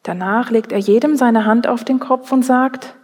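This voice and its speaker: A woman, gently telling a Bible story to children in a church service. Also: on the high side, moderate pace. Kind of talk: slow scripted Bible story narration for children. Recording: reverberant church hall, breathy voice.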